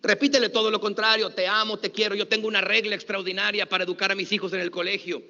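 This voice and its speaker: A middle-aged man with a Mexican accent, giving a lively motivational talk and leading a conference crowd in chants. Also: sits high, fast talker, vocal fry. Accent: Mexican Spanish. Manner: energetic, leads crowd in call-and-response chants. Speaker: motivational speaker. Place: large conference hall. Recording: dull, lo-fi audio with long hall reverb.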